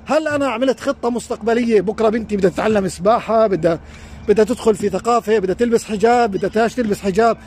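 Speaking into a phone beside a lake, a man with a Levantine Arabic accent offers earnest life-coaching advice on a live stream, addressing his viewers directly. His voice is very high with a darkish tone, and there's a slight hiss or hum.

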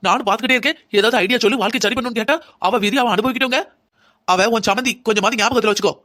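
Woman as an older mother-in-law in a cartoon: rapid, pleading and lamenting, doting on her wayward daughter. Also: a little high, bright, forceful tone. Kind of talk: cartoon drama voice acting.

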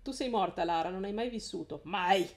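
A woman voicing a jealous, menacing villain man as she reads a novel aloud, in a slow, taunting delivery. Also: medium pitch, close to an everyday voice.

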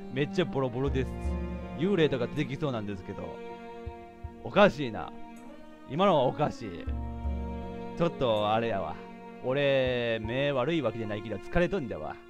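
Lively male game streamer. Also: mid-range voice, highs cut off. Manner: chatty, jokey, reacts out loud to himself. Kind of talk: casual game commentary.

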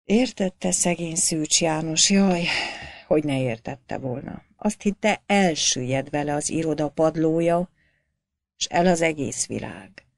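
A woman narrating an audiobook novel in a steady, expressive storytelling manner. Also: deep voice, dry recording, studio quality.

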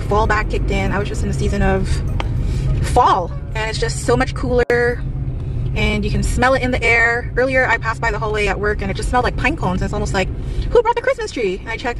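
Chatty woman vlogging over loud music. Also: a little high, poor audio. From Philippines. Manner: chatty, rambling with fillers and restarts. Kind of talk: casual vlog chat. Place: car at night, then small room at home. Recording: loud music bed under the voice.

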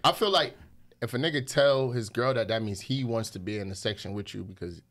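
A man's voice: medium pitch, brisk, fairly bright tone. A man co-hosting a podcast in casual banter, teasing and joking with the guest. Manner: teasing, jokey, sing-song at times. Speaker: podcast co-host.

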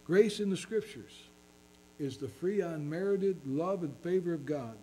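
A man's voice: a little high, a little slow, mellow, a little hiss or hum, low-quality recording. A man preaching a sermon as pastor, earnestly reading scripture in King James wording.

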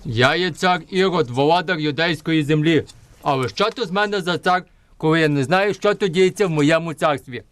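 A man's voice: on the high side, moderate pace, fairly bright tone, clear, resonant tone, no room sound, lightly acted. A man performing a wrathful, boastful tyrant king in a folk nativity puppet play, speaking in a pompous, commanding declamation. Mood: imperious.

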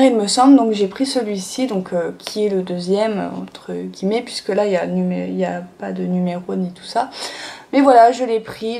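A young manga vlogger chats informally through a haul video in a sunny room at home, filling her speech with little fillers and plenty of "donc voilà." She speaks in a mellow mid-range voice with some vocal fry.

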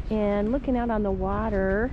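A woman's voice: medium pitch, highs cut off. Chatty woman on a noisy waterfront walk. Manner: chatty, upbeat tour-guide commentary. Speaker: travel vlogger. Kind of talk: casual walking-tour narration. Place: outdoors on a city waterfront. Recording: loud street noise outdoors.

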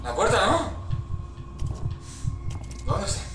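Man, accent from Spain, horror game let's play, high lively voice, nervous swearing, roomy echo, distant noisy mic. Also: slow. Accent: Spain Spanish. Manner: jumpy, swearing, nervous chatter with sudden yelps. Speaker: gaming youtuber.

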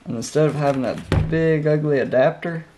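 A man's voice: on the high side, moderate pace, background noise. A man talking casually through a how-to vlog in a laid-back, folksy, plain-spoken way, using a mic mounted on a motorcycle helmet. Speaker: motovlogger. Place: indoors at a dining table. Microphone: helmet-mounted mic by the camera.

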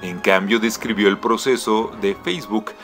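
Low-voiced man narrating a voice-over. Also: fairly bright tone, faint music behind. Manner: measured, explanatory reading.

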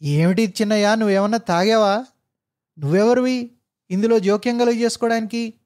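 A man voicing an arrogant, hot-tempered engineer boss who barks and shouts with scorn. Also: sits high, normal speed, pitched above the performer's own voice, close to an everyday voice. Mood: furious.

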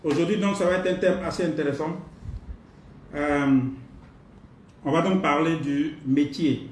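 A man leading a live online training class, greeting participants and speaking at an unhurried pace with pauses and fillers. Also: a little high. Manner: unhurried, repeats himself, many pauses and fillers. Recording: roomy distant mic, faint noise.

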